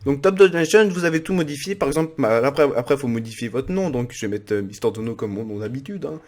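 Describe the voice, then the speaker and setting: Guy doing a casual screen tutorial, lots of uh and restarts, narrating his clicks, middle pitch. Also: lively intonation, darkish tone. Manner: halting, full of fillers and restarts, narrating clicks. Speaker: streaming tutorial host.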